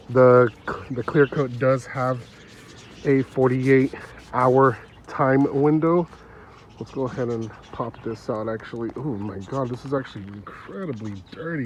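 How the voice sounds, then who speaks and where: Working on his car in a yard with his phone in hand, a stuffy-nosed hobbyist vlogger chats casually through a how-to and laughs frequently. His voice is medium-pitched, and the audio sounds dull with slight background noise.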